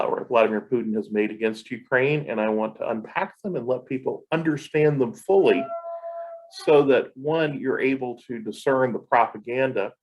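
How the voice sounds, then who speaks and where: A man with a somewhat low voice talks to camera from his apartment. He rambles in an unscripted vlog, filling pauses with ums and starting sentences over. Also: poor audio. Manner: rambling, many ums and restarts. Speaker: vlogger. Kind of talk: casual vlog monologue.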